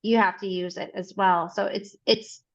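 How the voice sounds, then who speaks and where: A woman's voice: medium pitch, fairly even intonation, moderate pace. A woman interviewer explaining voice therapy, in an affirming, explanatory way. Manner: explanatory, affirming, frequent agreement. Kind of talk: conversational interview. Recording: dull, lo-fi audio.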